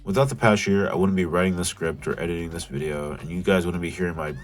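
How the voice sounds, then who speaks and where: A young man with a deep, nasal voice reads his own vlog script in a casual, self-mocking way. He now and then bursts into loud rants, with soft music playing underneath. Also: fast. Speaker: YouTube channel host.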